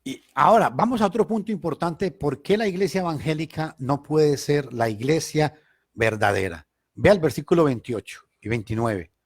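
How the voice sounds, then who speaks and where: Animated preaching man, high lively voice. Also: no room sound. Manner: emphatic, swings between loud stress and quiet asides. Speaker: Bible teacher. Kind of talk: preaching Bible study.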